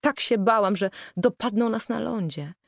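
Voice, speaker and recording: A woman's voice: a little high, normal speed, vocal fry, dry recording, clean studio sound, voice pushed up. A woman voicing a frightened, desperate mother who urges her daughter to hurry in a storybook. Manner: desperate, urgent.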